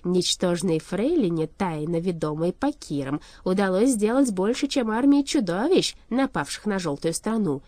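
A woman reading a storybook aloud, voicing a cold, gloating male shadow king who speaks slowly, loudly and lordly. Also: mid-range voice, lively intonation, no echo, natural voice. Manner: slow, loud, lordly.

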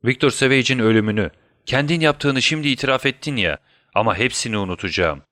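A man's voice: mid-range voice, lively intonation, fast talker, sharp tone, dry recording, studio quality. A man voicing a brilliant detective who fakes a deadly illness, switching between urgent orders and weak whispers. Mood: feeble, whispering. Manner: urgent commands, then feeble whispers. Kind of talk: audiobook character voice.

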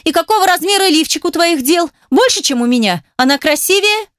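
A narrator puts on a venomous, hysterical woman who hisses sarcasm and shrieks her accusations. The voice swings high and sharp, heard close and dry. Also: animated, moderate pace, no room sound, lightly acted. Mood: shrill hysterical. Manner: shrill, hissing, sarcastic.

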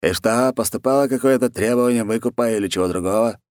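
A man's voice: mid-range voice, fast talker, a little mellow, no echo, clean studio sound, pitched above the performer's own voice, natural voice. Bloated capricious ruler, lazy and petulant, barks orders; male reader putting him on. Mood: bossy. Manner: lazy, peevish, bossy. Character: fat lazy cruel male khan, pompous and capricious.

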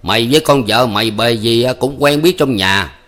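A man voicing an older village notable who talks in a slow, coaxing, soothing way. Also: mid-range voice, lively intonation, a bit bright, voice pushed up, natural voice.

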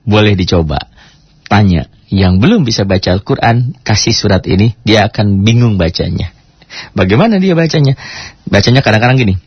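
A man teaching Quran recitation, chatting casually and breaking into slow chanted demonstrations. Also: fairly low pitch, expressive, slightly rough, no echo. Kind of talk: tajwid lesson with recited demonstrations. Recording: dry, dull lo-fi radio recording.

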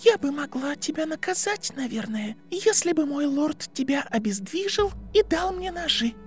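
An eerie, withered old witch, put on by a male storyteller speaks in a thin, high whisper with a dusty rasp. Her voice sits well above his natural register and stays hushed. Faint music hums behind her. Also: sing-song, normal speed. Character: frail, eerie old witch prisoner, woman.

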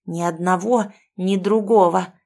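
A woman's voice: a little high, big pitch swings, measured pace, pitched above the performer's own voice. A woman voicing a grim, vengeful older woman. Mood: hissing. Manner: menacing, hissing through clenched anger. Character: vengeful grim middle-aged woman, a cult leader. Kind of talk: audiobook character voice.

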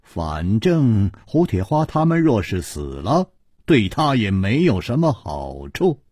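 A man voicing a shrewd, cool-headed male swordsman hero who reasons slowly and deliberately. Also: lowish voice, very animated, a little mellow, husky, no room sound, clean studio sound, heavily acted. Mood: cold. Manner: slow, deliberate, coldly reasoning.

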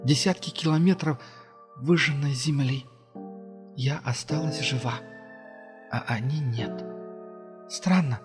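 A hushed, sorrowful ancient being in a little girl's body, played by a male narrator in an audiobook. She speaks quietly and slowly, a touch above the reader's own pitch, and sinks almost to a whisper. Her tone stays calm, weary and sad. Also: in a large hall, over music, natural voice.

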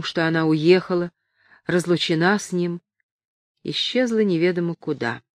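A woman narrating a novel in an even, measured voice. The recording is dry and close, with no room sound around her. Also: on the low side, no echo. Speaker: audiobook narrator.

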